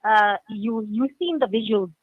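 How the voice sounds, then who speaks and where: A senior woman radio presenter tells a story during a live discussion with a studio guest, speaking emphatically and repeating key phrases. Her voice is on the high side and a little slow, with no echo. The sound is narrow and phone-like.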